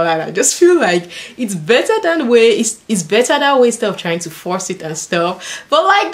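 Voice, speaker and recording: A young Nigerian-accented vlogger chats to camera from a small bedroom, her voice sitting at a medium pitch. She's animated and casual, peppering her talk with "like" and "and stuff."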